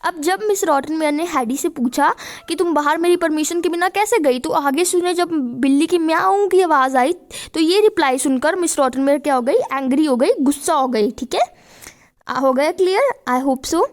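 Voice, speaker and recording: High-voiced woman teacher explaining a chapter. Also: animated. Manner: mixes Hindi and English, reads questions aloud slowly then explains.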